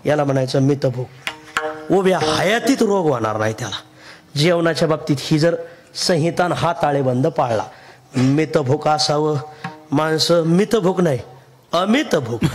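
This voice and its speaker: High-voiced Marathi kirtan preacher, man. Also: animated, unhurried, faint music behind. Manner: humorous storytelling, sing-song emphasis, laughing often. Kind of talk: devotional kirtan sermon.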